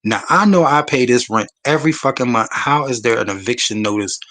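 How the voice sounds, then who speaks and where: A man's voice: mid-range voice, a little fast, fairly bright tone. Man in his forties, panel storyteller, emphatic, blunt, profane.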